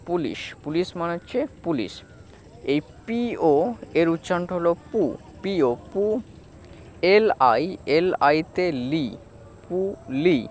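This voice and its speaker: Patient man teaching spelling slowly. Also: a little high. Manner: patient, repeats each syllable. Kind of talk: slow spelling lesson.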